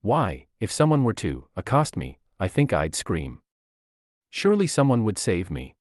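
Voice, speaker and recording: A man reading a story and voicing a boy who poses as a shy, breathy young girl, speaking hesitantly with theatrical innocence. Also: fairly low pitch, wildly swooping pitch, a little slow, darkish tone, dry recording, clean studio sound, full character voice. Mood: mock innocent.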